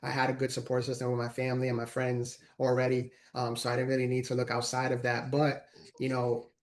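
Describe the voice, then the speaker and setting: A man in his forties, a motivational speaker and author, tells his story as a guest in a casual interview, earnestly repeating words as he goes. His mid-range voice is monotone and brisk.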